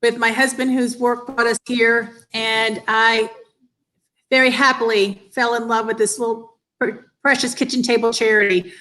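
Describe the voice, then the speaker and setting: Bright-voiced woman guest, fairly high. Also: flat delivery, normal speed, low-quality recording. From northeastern United States. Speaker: interview guest, children's cancer charity director. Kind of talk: conversational interview answers. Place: indoors on an online call.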